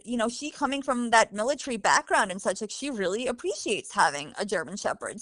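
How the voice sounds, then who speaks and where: A woman from Bosnia talks through her experience as a guide dog handler, informative and thorough, with plenty of ums along the way. Her voice sits fairly high and the sound is dry and close. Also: a bit bright, dry recording. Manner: informative, detailed, frequent fillers. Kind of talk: conversational interview.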